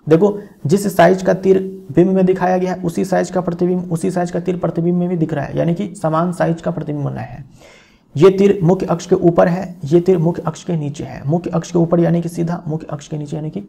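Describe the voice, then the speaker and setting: A man's voice: high voice, fairly even intonation, fairly quick, vocal fry, mellow. A male teacher explaining a physics lesson, repeating key phrases and checking in with his students as he goes.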